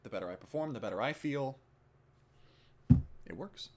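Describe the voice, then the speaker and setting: A man's voice: medium pitch, moderate pace, slight background noise. A man who teaches theatre, speaking casually to the camera as he explains a rehearsal assignment and reflects on his own progress. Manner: casual, relaxed, many fillers and restarts. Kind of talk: instructional demo and self-reflection.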